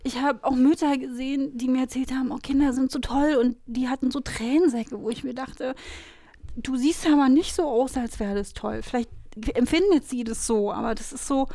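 A woman's voice: sits high, moderate pace, warm tone, dry recording. A woman guest speaking frankly and from the heart about her own choices. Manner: frank, heartfelt, plain-spoken. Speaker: podcast guest, coaching client. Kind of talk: personal conversation.

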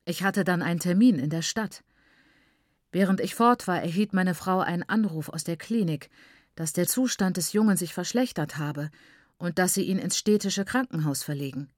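A woman reading an audiobook, voicing a solemn elder uncle who speaks in a measured, grave way, recorded dry. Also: on the low side, dry recording, lightly acted.

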